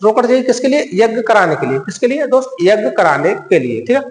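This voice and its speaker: High, lively male teacher in echoey room. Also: fast talker. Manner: repetitive, quizzes listeners and answers himself; calls listeners friend. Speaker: exam-prep teacher. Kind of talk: mnemonic-based classroom lecture. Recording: echoey room with long reverb.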